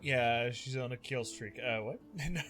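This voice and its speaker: A man, hosting a live tabletop game stream in casual chat, excitable and quick to laugh. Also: mid-range voice. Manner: excitable, laughs often, thanks viewers. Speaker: game master and stream host.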